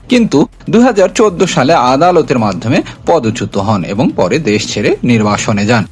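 A man reading a scripted news explainer as narrator, in a formal, measured reporting manner. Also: fairly low pitch, breathy edge.

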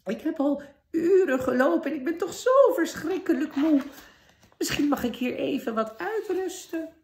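A man's voice: animated, a little mellow. Man doing a quavering old crone. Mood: sly sweetness. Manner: quavering, high and slow. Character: trembling poor old woman, the disguised evil queen. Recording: roomy echo.

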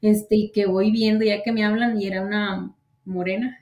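A woman's voice: medium pitch, level tone, normal speed, a little mellow, dull audio. A woman casually retelling events, with lots of quoted dialogue. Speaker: interviewee sharing her citizenship interview. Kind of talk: casual storytelling in an interview. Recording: echoey room.

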